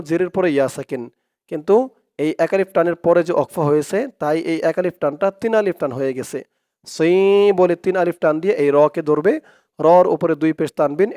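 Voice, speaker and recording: A man teaching Quran reading, chanting words slowly and drawn out, then explaining quickly in between. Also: on the high side, a little mellow. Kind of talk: slow recitation drills with quick explanations.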